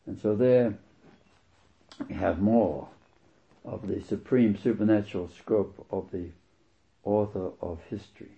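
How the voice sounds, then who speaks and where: A man's voice: fairly low pitch, creaky, dark tone. Emphatic male preacher on a dull recording. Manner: emphatic, slows down to stress key words; reads scripture aloud and comments on it. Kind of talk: sermon.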